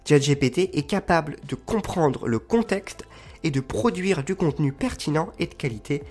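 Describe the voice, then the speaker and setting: Man, somewhat high voice, podcast host, explaining step by step, faint music underneath. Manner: explains step by step, with frequent "euh" and "alors".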